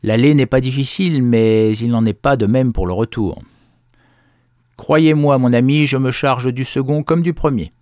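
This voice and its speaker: Man doing grave priest, measured and solemn, in a dry, close sound. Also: mid-range voice, darkish tone, no echo, lightly acted. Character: grave kindly male village priest.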